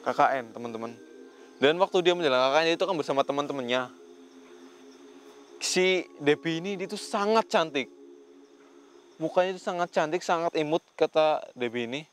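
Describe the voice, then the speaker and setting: Talking earnestly to a spirit and to his viewers, a ghost-hunting vlogger keeps using the word "Mas" as he hosts his paranormal investigation. His slightly high voice moves briskly but pauses often, with slight background noise behind it.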